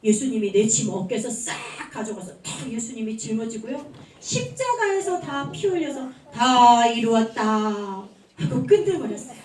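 Woman, children's pastor, high voice, lively storytelling with acted voices, echoey hall, from a distance. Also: moderate pace. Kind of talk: children's sermon. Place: church hall. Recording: echoey hall, mic far off.

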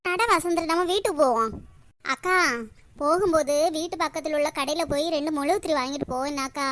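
A woman's voice: sits high, a bit bright. A woman voicing fretful, gossipy village women in a cartoon. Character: chatty village women, mother and neighbours. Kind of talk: cartoon voice acting.

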